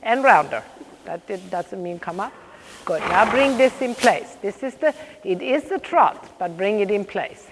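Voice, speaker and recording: Woman, riding coach, brisk projected commands, short repeated phrases, mid pitch, long hall reverb, faint noise. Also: expressive. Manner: directive, interspersed with brief praise. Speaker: riding clinician coaching horse and rider. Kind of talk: live riding instruction.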